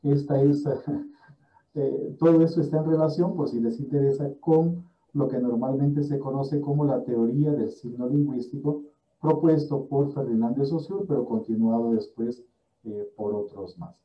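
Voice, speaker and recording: Man lecturing in a roomy, distant recording. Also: medium pitch. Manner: measured, explains step by step with examples. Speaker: friar lecturing in a virtual Bible study. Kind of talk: explanatory lecture. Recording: dull, roomy sound from away from the mic.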